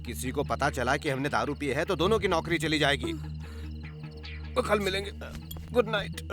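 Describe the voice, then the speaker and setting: Male dub actor as a calm, slightly high-voiced friend. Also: normal speed, music in the background, natural voice. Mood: dismissive. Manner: calm, dismissive teasing. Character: sensible male drinking buddy.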